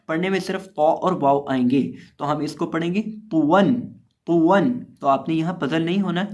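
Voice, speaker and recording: Man chanting letter drills in a Quran lesson. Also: on the high side. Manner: spells out each letter and vowel in a slow, loud chant; calm explaining between drills. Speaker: Quran reading teacher. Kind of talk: spelling-out recitation lesson.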